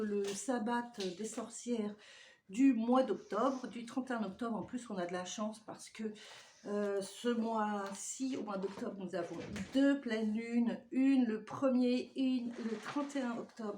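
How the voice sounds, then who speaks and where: A woman's voice: fairly high pitch, a little mellow, a little hiss or hum. A woman vlogger chatting casually at home as she unboxes a parcel, rambling off on tangents and laughing often. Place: home indoors.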